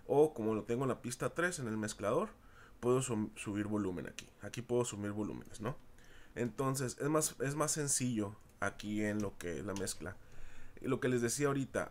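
A middle-aged man delivers a recorded class lecture. He speaks informally and circles back over the same points, often turning to his students directly. His voice sits at an ordinary middle pitch. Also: a little fast, a little hiss or hum. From Mexico. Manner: informal, repeats himself, addresses students as chicos. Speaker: university audio recording teacher.

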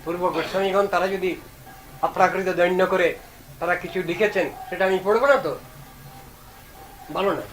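A man's voice: high-pitched, normal speed, long pauses, fairly bright tone, soft background music, poor audio. A man giving a devotional discourse as a Vaishnava preacher, emphatic and stern, posing rhetorical questions.

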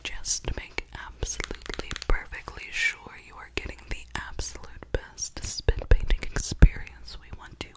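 A woman performs a whispered role-play in pure, breathy whisper with no voiced tone. She stays very close to the microphone, and wet mouth sounds come through. Her delivery is playful, with words repeated over and over as ASMR triggers. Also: moderate pace, few pauses, poor audio. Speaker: ASMR creator. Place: small living room, indoors. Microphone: desktop condenser microphone, very close.

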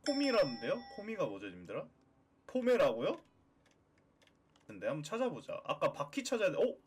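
A high-pitched male streamer with a very lively, bouncing voice. He chats playfully with his viewers while he plays and often breaks into excited cheers. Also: moderate pace, slightly rough. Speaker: VTuber game streamer. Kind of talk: live game stream chat.

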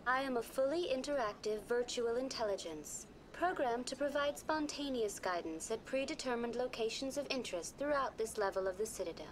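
A woman voicing a calm, polite female virtual guide program with a smooth synthetic android-like voice and an even, courteous delivery. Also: a little high, brisk, few pauses, a little hiss or hum. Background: game music.

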